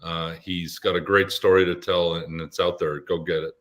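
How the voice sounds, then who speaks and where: A man with a very deep, low voice, appearing as a guest in an online interview. He talks in a measured, persuasive way over a video call. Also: flat delivery. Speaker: guest, business advisor. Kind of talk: casual interview talk.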